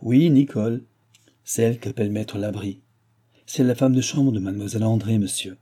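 A man voicing a timid young man of low station who speaks hesitantly and humbly, with a slight tremble. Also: normal speed, mellow, breathy edge.

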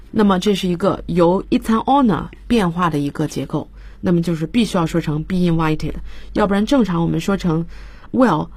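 A woman's voice: fairly low pitch, a little mellow, breathy edge, no echo. A woman English teacher on a radio program, explaining grammar in Chinese and reading English example lines. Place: radio studio.

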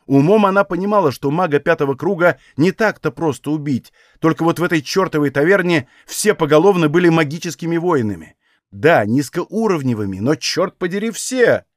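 A man narrating a fantasy audiobook in an even storytelling manner. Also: fairly high pitch, fairly quick, no room sound, studio quality. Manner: even storytelling, acts out dialogue.

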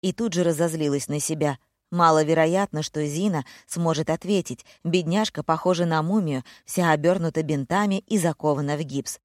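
A woman reading a first-person audiobook narration in an even, steady manner. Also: sits low, normal speed, dry recording, clean studio sound.

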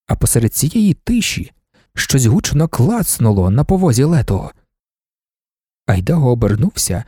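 A man narrating a novel with expressive, dramatic pacing. His voice sits fairly high for a man yet sounds dark and mellow. It carries a gravelly, husky texture and lively, wide-ranging pitch. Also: dry recording, studio quality. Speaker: audiobook narrator.

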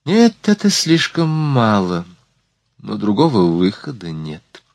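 A man's voice: fairly low pitch, huge pitch swings, slow, no room sound, exaggerated voice. A man reading as a worldly, whispery sultana. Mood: confiding. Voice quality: slightly whispery, lisping voice. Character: worldly, gracious woman sultana.

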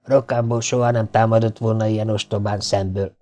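A man reading the lines of a grim, worried male military officer in an audiobook, in a quiet, sober delivery. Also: lowish voice, level tone, natural voice.

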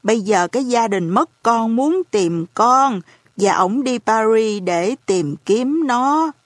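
A woman voicing a hard-of-hearing elderly landlady who speaks in a slow, lamenting, folksy way. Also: on the high side, animated, no echo, studio quality. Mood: lamenting, gossipy.

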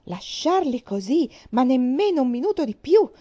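A woman voicing a stern, prim older aunt in a storybook reading, scolding in a shrill, indignant way. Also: sing-song, brisk, warm tone, muffled recording.

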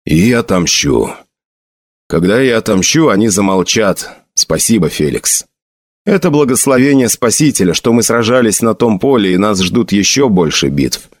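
A man's voice: on the low side, sing-song, normal speed, no echo. A man voicing a haunted young nobleman, shaken and vengeful, speaking in a tense, trembling voice. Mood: grim.

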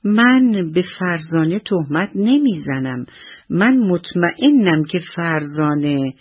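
A woman's voice: lowish voice, animated, slightly rough. A woman storyteller voicing an earnest little schoolgirl in a children's radio bedtime story. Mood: indignant. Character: little schoolgirl fasting, curious and quick to accuse. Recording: dull lo-fi radio recording.

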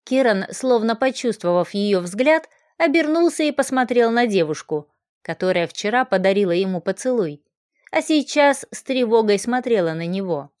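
A woman narrating a fantasy audiobook in an even, expressive reading. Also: mid-range voice, normal speed, no echo, studio quality.

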